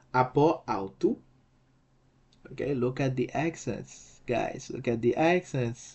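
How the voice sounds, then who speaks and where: A man's voice: medium pitch, warm tone. A man teaching a recorded language lesson, patient and repetitive, checking in with "okay" often. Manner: patient, repeats words, says "okay" a lot.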